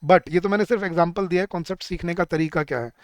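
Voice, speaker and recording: A man teaching an online exam-prep lecture, sounding words out slowly and putting questions to his class. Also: high-pitched, no echo, clean studio sound. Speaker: English teacher.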